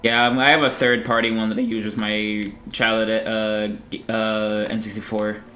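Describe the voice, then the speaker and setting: A man's voice: on the low side, little pitch movement, normal speed, sharp tone. A man giving casual, sweary and exclamatory commentary while streaming a video game.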